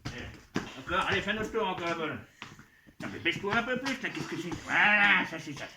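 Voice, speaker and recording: A children's entertainer playing a goblin expert performs a playful live comic show, coaxing the young audience and talking straight to them. His voice is high-pitched, expressive and a little fast, in an echoey live venue with background noise.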